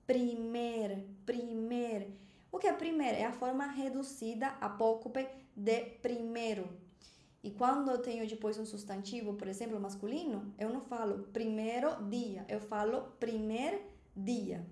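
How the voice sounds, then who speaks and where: A woman teaching Spanish pronunciation in a chatty, animated way, often checking in with the learner. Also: a little high, moderate pace, echoey room. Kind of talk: video language lesson.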